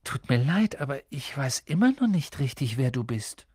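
A man's voice: medium pitch, sing-song, moderate pace, a little mellow, husky, dry recording, clean studio sound. A man reading an audiobook and voicing a timid, curious young boy, raising his voice somewhat for the part. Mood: puzzled.

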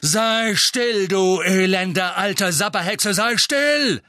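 An angry, commanding man from an audiobook, voiced by the male reader, thundering his orders. The voice rises higher and louder than the narration, clipped and forceful. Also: slow pace, full character voice. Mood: furious. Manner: bellowing orders.

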